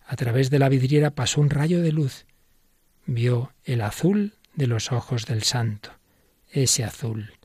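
A man hosting a religious program, reading a story in a calm, measured narration. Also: mid-range voice, breathy edge, no echo, clean studio sound. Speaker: host of religious radio program.

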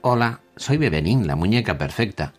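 A man's voice: on the low side, expressive, normal speed, faint music behind, voice pushed up. A man voicing a mechanical, repetitive, demanding talking doll in a storybook reading. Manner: mechanical, repeating set phrases.

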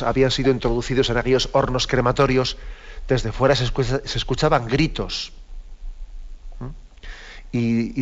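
A man giving a catechism commentary on the radio, explaining a text he reads out in parts and pausing to reflect. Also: medium pitch. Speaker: bishop giving catechism talk. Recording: slightly dull radio broadcast.

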